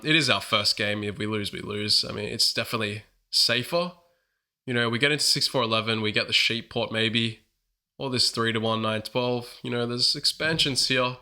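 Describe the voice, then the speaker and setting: A man's voice: medium pitch, steady tone, moderate pace, bright, forceful tone. A man hosting his gaming channel, chatting casually through strategy commentary while a bit sick. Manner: chatty, upbeat, self-correcting.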